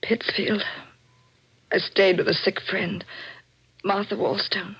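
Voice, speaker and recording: A woman's voice: mid-range voice, flat delivery, slow pace, husky, exaggerated voice. An actress playing a proud, frightened married woman in an old-time radio thriller, with refined, theatrical diction. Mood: shaken, pleading. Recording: muffled, noisy old radio drama recording.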